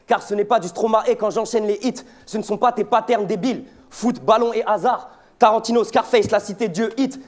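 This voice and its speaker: A man's voice: high voice, brisk. A young man from Belgium spitting aggressive, taunting rap battle verses without a beat. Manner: aggressive, taunting, punchy delivery. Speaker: battle rapper.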